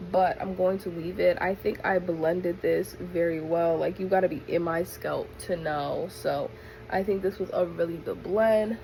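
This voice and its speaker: A young woman chats to her camera in a bubbly, gushing sorority-girl way, stretching words for emphasis. Her mid-pitched voice often drops into a creaky fry. It is a casual home recording with faint noise behind her. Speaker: vlogger. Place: indoors in a room at home.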